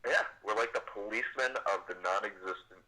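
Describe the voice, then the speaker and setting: A man's voice: fairly low pitch, quick pace, pushed and bright, low-quality recording. A man talking over a phone on speakerphone, a friend calling in with laid-back, dry joking. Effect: heard over a phone on speakerphone. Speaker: friend calling in to a live stream. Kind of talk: casual phone chat.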